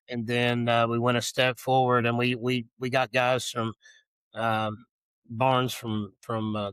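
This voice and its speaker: A man, talking as a guest organizer in a casual, folksy, halting interview style. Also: medium pitch, fairly bright tone, smooth, no room sound, rough recording.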